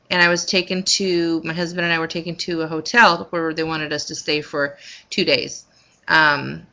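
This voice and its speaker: Bright, forceful woman, lowish voice, halting vlogger. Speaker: vlogger recounting her recovery from surgery. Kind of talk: casual personal vlog monologue.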